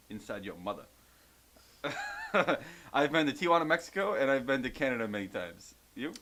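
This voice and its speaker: A man co-hosting a podcast in a loose question-and-answer chat. He reads out viewer questions in a steady, middle-pitched voice and then answers them offhand, with some swearing. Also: a little slow, long pauses, slight background noise. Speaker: podcast co-host. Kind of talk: casual Q&A chat.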